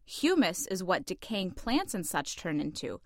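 A woman's voice: on the low side, very animated, a little slow, dry recording, clean studio sound, full character voice. A woman playing an earnest, easily exasperated mushroom in a scripted comedy quiz, explaining emphatically. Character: earnest, exasperated female mushroom, know-it-all quiz partner.

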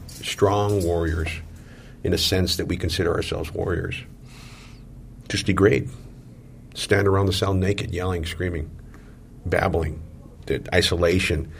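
A middle-aged man, a former gang member, giving slow, heavy, confessional testimony in an interview. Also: deep voice, creaky, a little hiss or hum. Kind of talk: reflective personal testimony.

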